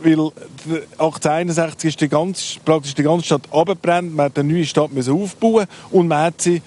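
A man from Glarus with a local Swiss German accent, answering interview questions outdoors, hesitant and full of pauses. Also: on the high side, fairly even intonation, a little mellow. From Glarus, Switzerland. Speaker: local guide. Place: outdoors in a town.

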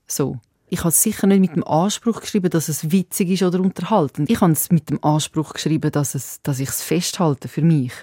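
In a dry, clean studio recording, a woman's low, husky, warm voice moves fairly quickly. She's an interviewed author in her late thirties from Switzerland, a native Serbo-Croatian speaker with a Zurich/Winterthur Swiss German accent, talking reflectively and casually about her writing, questioning herself and restarting often.

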